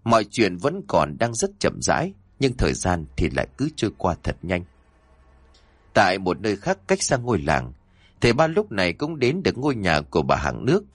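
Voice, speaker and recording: A man narrating a horror story in a suspenseful, expressive way. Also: low-pitched, normal speed, breathy edge, no echo.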